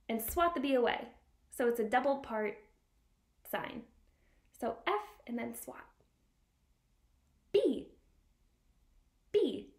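Sitting by a window in a small room at home, a young woman reads aloud to little kids and teaches them signs from the picture book. Everything she says comes out high, animated and sing-song, never rushed.

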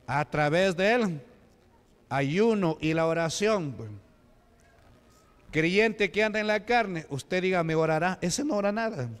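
A man with a Peruvian Spanish accent preaches a Pentecostal sermon as a deacon, his voice sitting a little high. He keeps asking the congregation questions as he goes. The sound rings with a long reverb in a church hall. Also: clear, resonant tone. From Peru. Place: church sanctuary.

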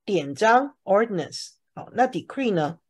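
A woman's voice: medium pitch, animated, a little slow, darkish tone, slightly rough. A woman teacher explaining English words to a class, often stopping to ask if anyone has questions. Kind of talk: classroom vocabulary lesson.

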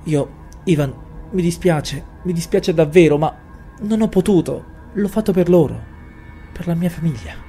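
A man's voice: a little high, normal speed, mellow, soft background music, voice pushed up, close to an everyday voice. A man voicing an anguished, guilt-ridden father who talks in a desperate, pleading way in a horror audio story. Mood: remorseful.

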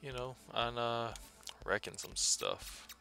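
Tired, gravelly-voiced man rambling over gameplay. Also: medium pitch, takes it slowly, over music. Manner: tired, monotone, rambling with many fillers. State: tired after a day's work. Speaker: gameplay commentator. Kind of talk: casual gameplay commentary.

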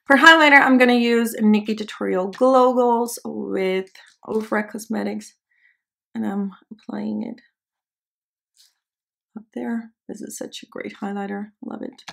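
A young Dutch woman in her twenties, a beauty vlogger, chats casually and pokes fun at herself while doing her makeup on camera in a small indoor studio. Her mid-range voice is steady, slightly bright and touched with vocal fry, and she takes her time.

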